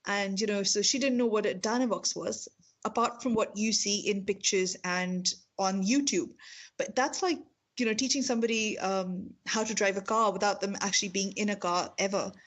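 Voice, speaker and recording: A woman's voice: medium pitch, moderate pace. Pakistani-accented woman, speech therapy lecturer, informal and earnest explainer who repeats words as she goes. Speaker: speech-language pathologist and university lecturer. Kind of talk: informal professional talk about own work.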